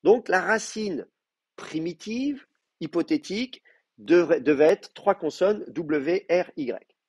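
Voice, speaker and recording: Husky man giving a rambling lecture. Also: on the high side, expressive, slow pace, a little mellow, no echo. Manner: digressive, many fillers and restarts, explains patiently. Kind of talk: university lecture. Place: classroom.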